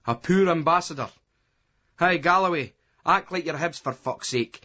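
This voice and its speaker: A male narrator plays a cocky, rowdy young Scottish lad who jeers at his mates and breaks into mocking chants. The voice sits higher than the narration and bounces along teasingly. The audio is dull and lo-fi. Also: moderate pace, sharp tone. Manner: jeering, sing-song football chanting. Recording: dull lo-fi remastered recording.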